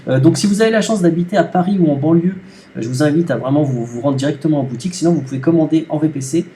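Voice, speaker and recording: A man's voice: on the high side, racing, warm tone, a little hiss or hum. A man hosting a casual unboxing vlog at home, chatty and slangy, often stumbling and restarting his sentences. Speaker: aquarium hobby YouTuber. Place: home living room.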